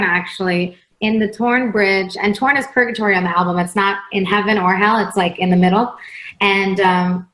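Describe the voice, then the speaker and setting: A woman singer being interviewed on a livestream, chatty and quick to laugh, with lots of filler "like"s. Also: mid-range voice, sharp tone. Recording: roomy echo.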